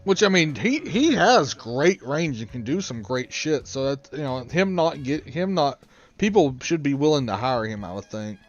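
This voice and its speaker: A man's voice: fairly high pitch, big pitch swings, normal speed, dull audio. A man hosting a let's play, chatting casually in a rambling, profane, joking way. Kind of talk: casual gaming chat.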